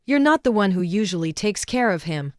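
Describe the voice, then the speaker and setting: Woman reading as a cold young wife, flat and curt, smooth clean voice. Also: mid-range voice, fairly quick, no room sound, clean studio sound, lightly acted. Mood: dismissive.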